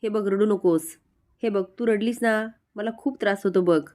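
A moody, dramatic brother, read by a woman narrator in a serial recap. He teases and haggles in a playful tone, kept in her own middle-pitched voice. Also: steady tone, moderate pace, darkish tone, natural voice. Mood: teasing. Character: moody grown man, teasing, stubborn brother.

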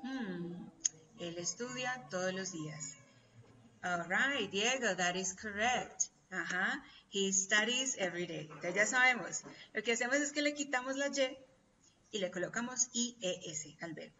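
A woman's voice: mid-range voice, lively intonation, unhurried, sharp tone. A woman teaching a class online, patiently quizzing her students over and over. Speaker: English teacher. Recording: distant, dull lo-fi call audio with faint hum.

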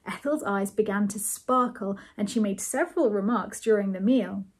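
Breathy woman reading a storybook aloud. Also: medium pitch, normal speed. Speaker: host reading a novel aloud. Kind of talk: storybook read-aloud narration.

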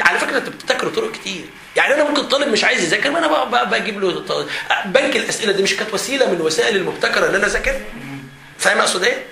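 A man with an Egyptian Arabic accent leading a seminar for students as their teacher, animated and joking, often laughing as he talks. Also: sits high. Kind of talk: lively seminar talk to students. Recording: echoey hall with faint background noise.

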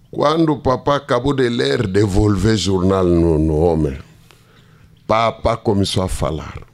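A man preaching, telling a story dramatically with hushed asides. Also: on the low side. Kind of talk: storytelling sermon.

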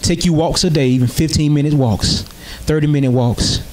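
A man's voice: a little high, moderate pace, a little mellow. A man with a Southern US accent, a gospel rap guest on a talk show, earnestly exhorting listeners in short repeated commands into a handheld mic. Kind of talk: preaching encouragement. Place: talk show studio set.

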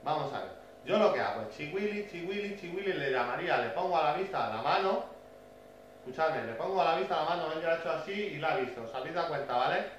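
A man from telling a story to his viewers in a casual, chatty way, tagging many lines with a quick question. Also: a little high, expressive, recorded from a distance, dull audio. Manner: chatty, frequent "¿vale?" tag questions. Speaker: bird keeper vlogger. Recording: very echoey room, voice off-mic, faint hiss.

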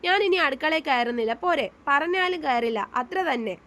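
Storybook reading: a pouting, indignant young woman about to marry, read by a woman, slightly high. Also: lively intonation, fairly quick, bright, forceful tone. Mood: sulky. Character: sulky, defiant young bride-to-be.

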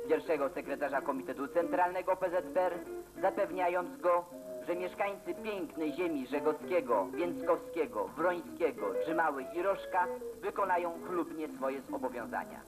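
A man's voice: on the high side, expressive, normal speed, long pauses, rough recording. A man reading scripted narration for an old newsreel in a formal, declamatory way. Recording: narration over loud guitar music.

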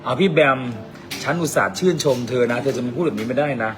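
A man's voice: medium pitch, expressive, fast talker, over music. A man with an Isan Thai accent hosts a vlog, trading boisterous, teasing banter in a cafe. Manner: teasing, boisterous, mixes in dialect. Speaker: vlog host. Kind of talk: casual joking banter. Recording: noisy cafe ambience.

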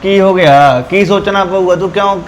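An actor playing a quick-tempered grown son and husband who talks curtly to his wife. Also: high voice, a little hiss or hum, natural voice. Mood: irritated. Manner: curt, loud-mouthed.

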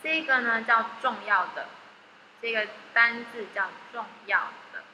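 A woman's voice: a little high, a little slow, pushed and bright, highs cut off. A woman teacher with a Taiwanese Mandarin accent, running a phonics lesson and coaxing the class with questions. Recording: echoey hall with faint noise.

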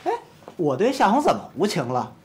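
A man's voice: sits high, huge pitch swings, brisk, darkish tone, slight background noise. An actor playing a cheeky young man from Beijing, joking and complaining in a mock-dramatic way, with a Beijing accent. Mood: bickering. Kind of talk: TV drama acting.

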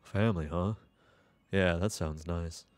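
A man's voice: sits low, unhurried, darkish tone, dry recording, faint music behind, voice pushed down. A man voicing a sullen, casual teenage boy in a video game, reading with a reluctant delivery.

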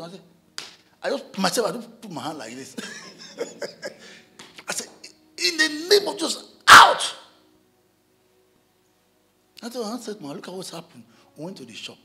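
A pastor delivers an animated sermon in church. His bright, forceful voice sits high. Soft music plays faintly behind him. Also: normal speed, pauses often. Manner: animated preaching with sudden shouts and chuckles.

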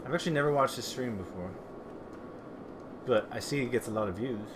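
A man's voice: medium pitch, fairly quick, noisy background. A man streaming a city-building game, chatting casually, rambling, swearing and answering his chat.

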